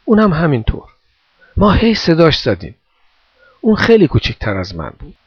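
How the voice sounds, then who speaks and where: A man's voice: on the high side, wildly swooping pitch, husky, no echo, voice pushed up, heavily acted. A man doing a small, earnest, weary boy. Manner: earnest, pleading childlike delivery. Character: small war-orphaned boy, worn out, watchful. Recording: dull dry recording.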